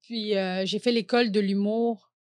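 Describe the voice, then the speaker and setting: A woman's voice: medium pitch, steady tone, moderate pace, dry recording, clean studio sound. A woman in her thirties with a Québécois French accent, chatting casually as a podcast guest, rambling with fillers and restarts and laughing often. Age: 30s. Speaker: comedian guest.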